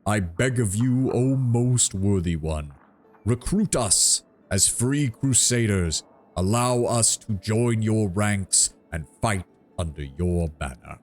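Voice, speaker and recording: A man's voice: fairly low pitch, animated, slow, soft background music. A man voicing an ancient, gnarled treant guardian from a fantasy game, grand, formal and ponderous in his oratory. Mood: solemn, pleading. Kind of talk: fantasy game dialogue read aloud.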